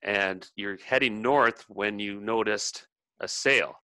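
A man's voice: fairly low pitch, slow, bright, forceful tone, smooth, dry recording. A man narrating a tabletop role-playing game as game master, in a loose chatty way.

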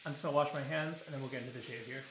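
Racing along in a mid-range voice with fairly even intonation, a man in his thirties reviews products casually while shaving in his small home bathroom. He's a bit tired this evening, so fillers and restarts pop up often. A close-range camera on the counter records echoey audio with a noisy background.

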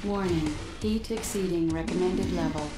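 A lowish female machine voice, acted by a woman, reads out overheating alerts for a mech in flat, clipped phrases. It rings with echo, and loud game music plays under it. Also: moderate pace, natural voice. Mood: urgent warning. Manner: flat, clipped automated warnings. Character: female mech onboard computer warning of overheating. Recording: echoey game audio over loud music.

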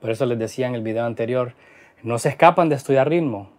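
A man's voice: mid-range voice, quick pace. A man teaching a guitar lesson in Spanish, explaining rhythm patterns and counting beats aloud as he plays. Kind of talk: instructional lesson. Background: guitar playing.

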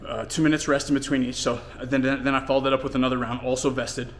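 A man's voice: medium pitch, little pitch movement, quick pace, slight background noise. Guy in his home gym, out of breath, talking through a workout with lots of ums. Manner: explains training plainly between efforts, with fillers. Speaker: fitness coach. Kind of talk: casual workout vlog talk. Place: home gym and outdoors in winter.

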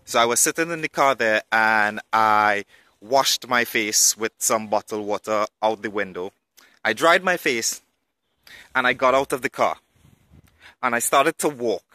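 Man, earnest testimony teller who turns to preaching. Bright tone, dry sound. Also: mid-range voice, animated, measured pace, pauses often, no echo. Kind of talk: personal faith testimony.

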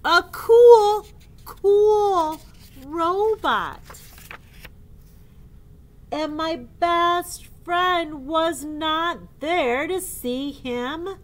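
A woman voicing a big, gloomy male elephant in a storybook read-aloud, wailing loudly and drawing out his words. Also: very high-pitched, very slow, pitched above the performer's own voice, heavily acted. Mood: mournful.

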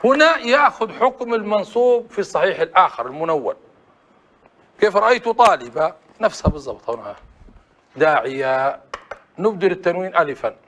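A man's voice: high-pitched, big pitch swings, a little fast, fairly bright tone. A man teaching a classroom grammar lesson, often asking the class short prompting questions. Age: adult.

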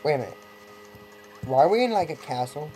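A man's voice: on the high side, lively intonation, a little fast, dark tone, poor audio. A man giving casual, rambling gameplay commentary, breaking off mid-thought with wry asides. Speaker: let's play gamer. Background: faint game music.

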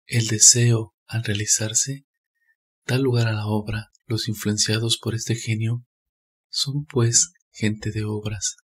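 A man calmly reading a scripted spiritual narration in a measured, steady way. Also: fairly low pitch, slightly rough.

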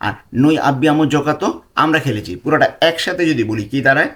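A man from Bangladesh gives a language lesson, explaining slowly and spelling out foreign phrases word by word. His voice sits at a medium pitch.

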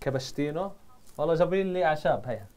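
A man with a Jordanian Arabic accent teaching a live online math review, firing quick questions at his students. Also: a little high, lively intonation, a little mellow.

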